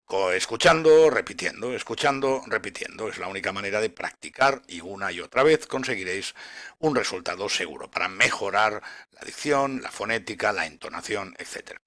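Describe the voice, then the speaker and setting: Lively low-voiced man teaching English. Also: no room sound. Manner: slow, deliberate model phrases with quick asides explaining them. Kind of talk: listen-and-repeat pronunciation lesson.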